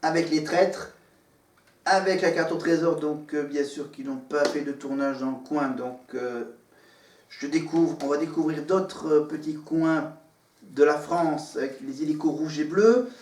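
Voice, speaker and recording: A man with a somewhat high, darkish voice talks unhurriedly to the camera from his living room, standing in front of a green screen. His vlog is a rambling, casual monologue full of fillers and restarts. The recording sounds echoey, with him far from the mic.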